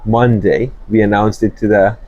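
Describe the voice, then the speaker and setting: A man's voice: on the low side, fairly even intonation, normal speed, a little mellow, muffled recording. A man from Sri Lanka, speaking earnestly as a guest in an interview, with many fillers and restarts. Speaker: guest, company executive. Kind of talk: interview conversation.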